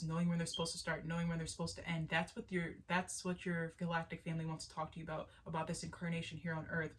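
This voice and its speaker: A young woman with a stuffy nose giving a casual, earnest tarot reading, rambling with restarts and little laughs. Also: fairly low pitch. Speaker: spiritual tarot reader. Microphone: solo video to camera.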